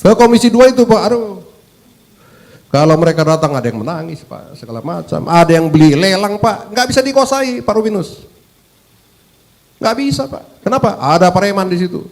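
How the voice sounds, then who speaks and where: Man, fiery hearing speech, higher voice, lively pitch, rhetorical questions. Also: normal speed. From Medan, North Sumatra. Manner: emphatic, rhetorical questions, keeps addressing 'sir'. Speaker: parliament member at a hearing. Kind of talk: formal hearing address.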